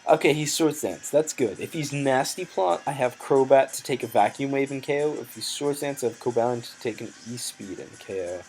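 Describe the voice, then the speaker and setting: A man's voice: medium pitch, a little fast, hardly any pauses, darkish tone, a little hiss or hum, low-quality recording. A man giving hesitant, thinking-aloud commentary over his competitive game, with frequent ums and self-corrections, and his voice sometimes cracks.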